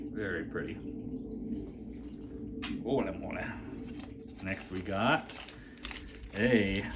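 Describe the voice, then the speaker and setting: Low-voiced man chatting over toy cars. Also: noisy background. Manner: relaxed, admiring, chatty with his pet. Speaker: collector showing a mail delivery. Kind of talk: casual unboxing commentary.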